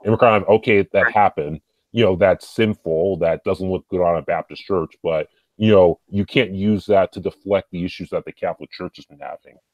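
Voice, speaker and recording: A man's voice: sits low, normal speed, a little mellow, dry recording, lo-fi sound. A man speaking as a podcast guest, rambling casually with lots of fillers like "and stuff.".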